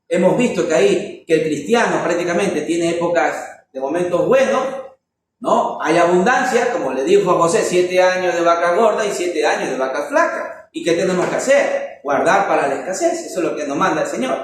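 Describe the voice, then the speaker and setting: A man teaching a Bible lesson in an emphatic preaching style, stressing words with sharp rises and asking rhetorical questions. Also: a little high. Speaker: Bible teacher leading a church economics class. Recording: echoey room, voice from far off, faint noise.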